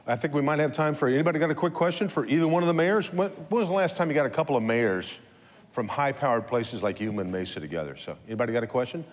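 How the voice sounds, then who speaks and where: A man's voice: mid-range voice, lively intonation, quick pace, long reverb tail. A man hosting a live morning talk show, teasing his guests in a playful, upbeat way. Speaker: host.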